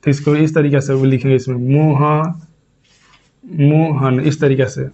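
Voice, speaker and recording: A man's voice: mid-range voice, flat delivery, fast, mellow. A man teaching a grammar lesson step by step, repeating points and asking and answering his own questions. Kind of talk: classroom lesson. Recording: dull lo-fi recording.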